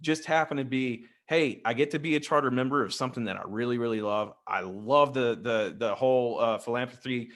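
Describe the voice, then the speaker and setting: A man's voice: medium pitch, brisk, few pauses, fairly bright tone. Chatty man telling stories. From West Texas. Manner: chatty, rambling, jokey. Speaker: guest, Freemason. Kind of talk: casual storytelling interview. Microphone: desk microphone on a video call.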